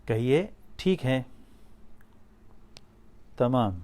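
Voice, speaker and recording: A man with a middle-pitched, dark-toned voice runs very animated repeat-after-me drills in a spoken Arabic class. He says each phrase slowly and clearly, prompts the listener to echo it, and cheers learners on.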